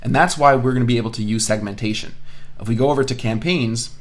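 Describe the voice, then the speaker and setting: This informal software screencast features a man instructing an online course, his medium-pitched voice moving fast. He explains while thinking aloud, repeating phrases for emphasis.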